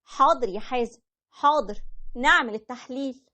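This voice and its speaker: A woman's voice: sits high, moderate pace, sharp tone, pitched above the performer's own voice. A woman voicing a petulant young wife with an Egyptian accent, whiny and complaining.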